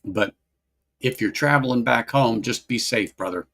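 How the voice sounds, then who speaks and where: A man's voice: medium pitch, normal speed, gravelly, fairly bright tone. A man hosting a casual whiskey-tasting livestream, rambling, repeating himself and greeting chat viewers by name.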